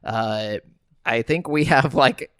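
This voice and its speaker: A man's voice: medium pitch, slow, fairly bright tone, smooth, no room sound, studio quality. A young man co-hosting a podcast in loose, rambling casual chat. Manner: loose and rambling, many fillers. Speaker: podcast co-host.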